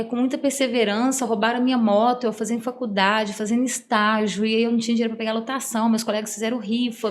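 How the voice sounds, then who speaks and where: Earnest woman. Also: fairly high pitch. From Brazil, Minas Gerais. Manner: earnest, heartfelt, acts out quoted dialogue. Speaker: guest psychologist. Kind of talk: personal storytelling in a podcast interview.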